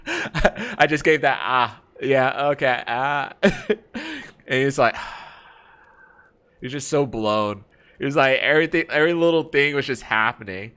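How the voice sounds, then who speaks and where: A man's voice: on the high side, measured pace, pauses often, clean tone. A man streaming a game, casually telling an anecdote in slangy talk, acting out his friends' lines and laughing often. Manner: relaxed slangy talk, calls people bro and man. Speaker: let's play streamer. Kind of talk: casual storytelling while gaming.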